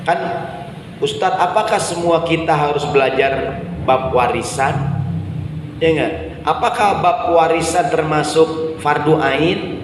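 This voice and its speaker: A man delivers an easygoing evening sermon, his voice sitting a touch high. He speaks conversationally, constantly addressing the congregation and asking whether they agree. The recording is very echoey, with a long mosque-hall reverb and a faint hiss underneath. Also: takes it slowly, pauses often. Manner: conversational, often addresses the congregation and asks "right or not?". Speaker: preacher.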